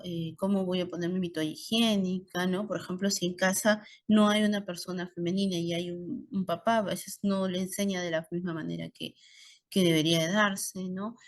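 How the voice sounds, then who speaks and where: Peruvian woman giving a casual medical lecture. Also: mid-range voice. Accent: Peruvian Spanish. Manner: conversational, shares clinical anecdotes, frequent tag questions. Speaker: obstetrician lecturer. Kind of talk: online course lecture.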